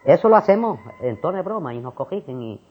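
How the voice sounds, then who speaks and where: An older man with a Puerto Rican Spanish accent, a retired school principal answering interview questions in a discursive way, repeating words and filling pauses. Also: fairly high pitch, slightly rough. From Puerto Rico. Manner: animated and discursive, repeats words, frequent fillers. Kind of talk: casual conversation. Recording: muffled lo-fi recording.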